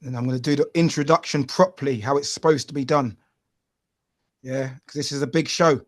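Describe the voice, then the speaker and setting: A man's voice: medium pitch, steady tone, fairly quick, no echo, studio quality. A man hosting a casual podcast interview, chatty and full of fillers, often asking "you know what I mean". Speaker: podcast host.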